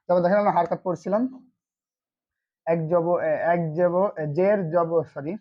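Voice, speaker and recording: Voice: mid-range voice, fairly even intonation, moderate pace, muffled recording. A Quran reading teacher giving an online lesson, asking short questions and answering them himself.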